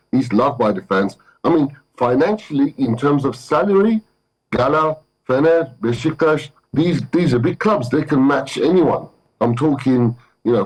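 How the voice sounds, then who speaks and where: In a remote interview, a football manager from Turkey who speaks with a London English accent appears as a guest, thinking aloud with lots of fillers and restarts. His voice is mid-range with a darkish tone and a breathy edge, and the recording is rough.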